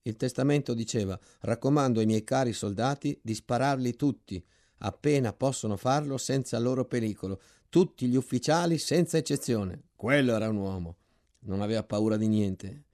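A man's voice: on the low side, mellow, dry recording, clean studio sound, lightly acted. A man voicing a bitter, war-weary soldier in a trench, muttering grimly and resentfully during a dramatic novel reading.

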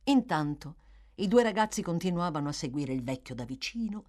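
A woman narrating a classic novel in a lively, theatrical reading style. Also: lowish voice, brisk. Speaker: audiobook narrator. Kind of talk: expressive literary reading.

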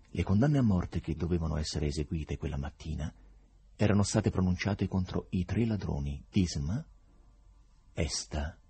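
A man reading a novel aloud with expressive, varied delivery. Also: low-pitched, breathy edge. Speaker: audiobook reader. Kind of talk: dramatic literary reading.

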